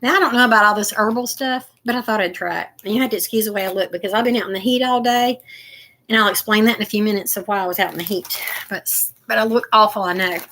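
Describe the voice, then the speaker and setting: A woman's voice: medium pitch, fast, bright, forceful tone. Chatty older woman. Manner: chatty, rambling, homey. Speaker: crafting vlogger. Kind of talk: casual unboxing chat to viewers.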